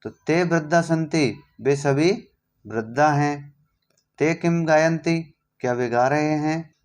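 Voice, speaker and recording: Male teacher, unhurried and patient, reads a term aloud and then unpacks it. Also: a little high. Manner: slow, patient, reads a word then explains it. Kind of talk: explaining a lesson.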